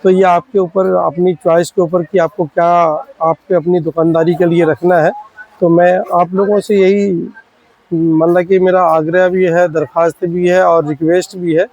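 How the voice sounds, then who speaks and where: Man, shop owner, pleading and repetitive pitch, high voice, dry close sound. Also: little pitch movement, moderate pace, darkish tone, no echo, dull audio. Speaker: spare parts shop owner. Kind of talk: product explainer to shopkeepers.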